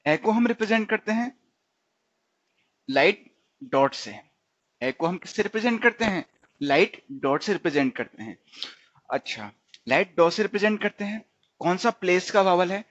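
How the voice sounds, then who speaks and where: With a high, expressive voice, this man teaches stenography at a moderate pace and pauses often. In the dull lo-fi recorded tutorial, he repeats words, quizzes himself, and frequently says "theek hai".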